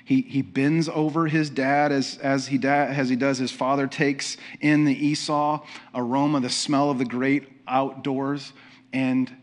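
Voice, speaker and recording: A pastor delivers a sermon conversationally in a mid-range male voice with a level tone, speaking a little slowly. He puts questions to the listeners and frequently restarts his sentences.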